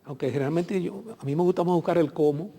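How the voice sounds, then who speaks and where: A man's voice: a little high, fairly even intonation, fast talker, dark tone. A middle-aged man from Venezuela, a consular guest on a TV interview, speaking earnestly in long reflective lists. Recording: long hall reverb.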